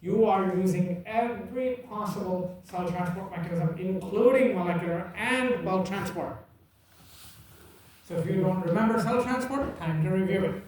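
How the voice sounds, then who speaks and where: A man's voice: high voice, moderate pace, darkish tone, slight background noise. A man lecturing a class in an emphatic, teasing way, repeating key points and checking that students follow. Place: lecture room. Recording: echoey room from far off.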